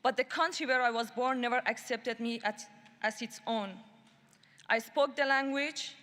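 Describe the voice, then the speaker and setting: A woman from Iran gives a prepared speech at a human rights summit, her slightly high, fairly bright voice echoing through a large, reverberant conference hall. She speaks in a deliberate, measured, and emphatic way.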